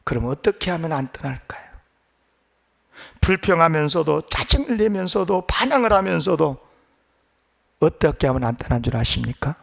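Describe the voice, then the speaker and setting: Man, pastor, sermon, high-pitched, gravelly, emotional swings from pleading to hushed. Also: expressive, moderate pace, pauses often.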